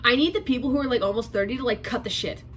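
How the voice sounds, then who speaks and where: A twenty-year-old woman giving a sarcastic commentary vlog, rambling fast and correcting herself as she goes. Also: a little high, a little hiss or hum, poor audio. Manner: sarcastic, rapid rambling with restarts. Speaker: commentary YouTuber.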